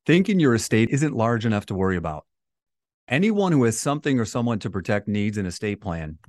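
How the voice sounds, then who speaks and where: A man's voice: lowish voice, very animated, fairly quick, darkish tone, no room sound, clean studio sound. A man co-hosting a podcast as a financial advisor, giving prepared explanations.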